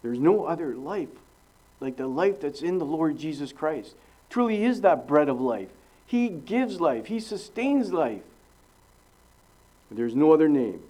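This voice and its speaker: A middle-aged man preaching an expository sermon, earnest and emphatic, swinging between sudden loud rises and hushed drops. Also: mid-range voice, poor audio.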